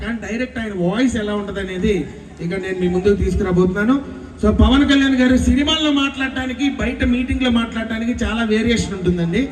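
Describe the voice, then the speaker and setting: A high-voiced male mimicry artist patters to a festival crowd, chatty and coaxing. He is heard from a distance through a roomy public address system. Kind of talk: live stage comedy and patter. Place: open-air festival stage. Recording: echoey PA from far off.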